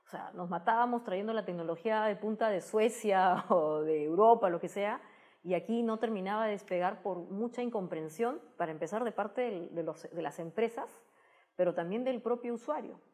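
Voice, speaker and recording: As an interview guest, a science communicator with a Peruvian Spanish accent explains things in a conversational manner and often ends phrases with a tag question. She speaks at a moderate pace with a mid-range, darkish voice.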